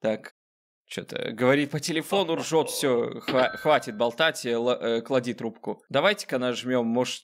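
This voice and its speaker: Саркастичный мужчина комментирует игру. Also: male voice, mid-range voice, moderate pace, a little hiss or hum. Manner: sarcastic, talks to the game character. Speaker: gaming video host. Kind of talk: casual joking gameplay commentary.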